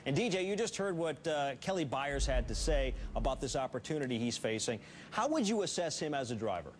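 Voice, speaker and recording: A mid-range male voice, very animated and a little fast, comes through over slight background noise. He hosts a sports news show, introducing and interviewing guests with a polished presenter's delivery.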